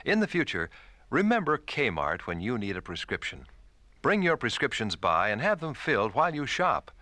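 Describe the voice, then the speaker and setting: A man as store announcer on a supermarket announcement, bright lively voice, dry close sound. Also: mid-range voice, normal speed, dry recording. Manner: friendly, salesy announcer read.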